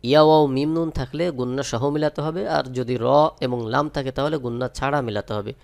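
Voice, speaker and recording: A man teaching Quran recitation, spelling out each letter and vowel and then chanting the words slowly and drawn out. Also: medium pitch, creaky, a little mellow. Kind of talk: step-by-step recitation lesson.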